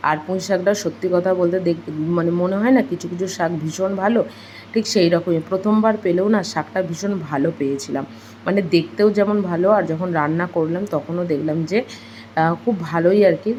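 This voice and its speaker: A woman's voice: on the low side, a little fast, a little mellow, slight background noise, poor audio. A young woman with a Bengali accent, narrating her daily homemaking vlog in a chatty, rambling way full of fillers. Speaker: homemaker vlogger.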